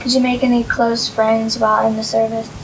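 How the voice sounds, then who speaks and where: A woman's voice: fairly high pitch, completely flat delivery, fairly quick, a little hiss or hum, poor audio. A woman interviewer reading out prepared questions.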